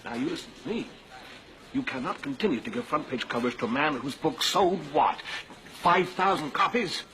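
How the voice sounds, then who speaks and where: An actor playing a stern middle-aged newspaper publisher who lectures in a firm tone. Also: male voice, a little high, lively intonation, brisk, bright, forceful tone. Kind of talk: film drama.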